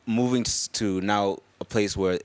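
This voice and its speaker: Deep-voiced relaxed man co-host. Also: dry recording. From Morocco. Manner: relaxed, halting, many restarts. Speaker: podcast co-host. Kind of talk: casual chat.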